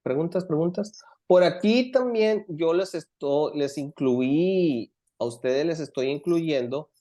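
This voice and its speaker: A Spanish-speaking English teacher who explains grammar step by step, often correcting small slips and reading example sentences slowly. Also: medium pitch, dark tone. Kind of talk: online class explanation.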